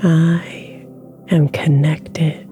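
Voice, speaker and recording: A woman guiding a sleep meditation with affirmations, speaking softly and slipping into whispers, over soft music in the background. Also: deep voice, little pitch movement. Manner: slow, soft-spoken, drifting into whispers. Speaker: meditation guide.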